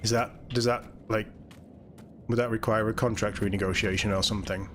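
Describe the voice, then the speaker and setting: A young man live-streaming a video game, chatting excitably with viewers and reacting as he plays. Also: fairly low pitch, fairly quick, slight background noise. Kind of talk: casual live-stream chat.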